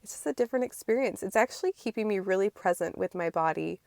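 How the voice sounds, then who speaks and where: A woman's voice: mid-range voice, lively intonation, fast, creaky, darkish tone, dry recording, clean studio sound. A woman sick with a cold, her voice nasal, pinched and slightly weak, talking earnestly and reflectively in a casual vlog monologue. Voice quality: nasal, congested, pinched-nose sound. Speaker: vlogger.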